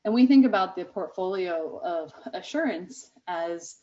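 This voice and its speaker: A woman's voice: fairly low pitch, expressive, measured pace, warm tone. A woman giving a conference research presentation, speaking earnestly with many ums and restarts. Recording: dull lo-fi sound.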